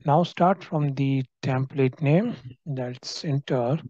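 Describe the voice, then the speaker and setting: A man walking through a software screen recording as a trainer, explaining each field and often checking in with "right?". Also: mid-range voice, takes it slowly, dry recording, lo-fi sound. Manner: explanatory, frequent tag "right?".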